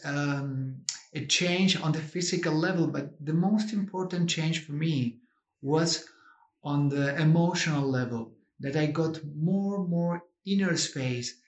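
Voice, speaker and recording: Argentine-accented man speaking in an echoey room. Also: a little high. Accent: Argentine Spanish. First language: Spanish. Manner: halting, simple phrasing in second-language English. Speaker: conference speaker. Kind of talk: informal conference talk, personal account.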